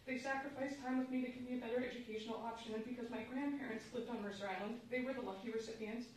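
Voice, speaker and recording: A woman's voice: on the high side, fairly even intonation, fast. Tender woman reading a eulogy. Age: adult. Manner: tender, emotional, self-described easy crier. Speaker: granddaughter giving a eulogy. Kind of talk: read eulogy. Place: large echoey hall at a memorial service. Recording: echoey hall, voice from far off, faint noise.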